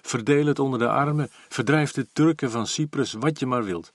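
A man's voice: mid-range voice, normal speed, dry recording, studio quality, pitched above the performer's own voice, natural voice. A man voicing a jovial, blunt older male notary who talks in a hearty, slightly teasing way.

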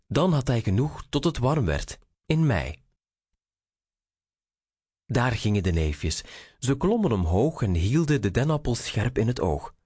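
A man reading a rhyming children's story aloud, slow, expressive and sing-song. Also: fairly low pitch, slightly rough, no echo, clean studio sound.

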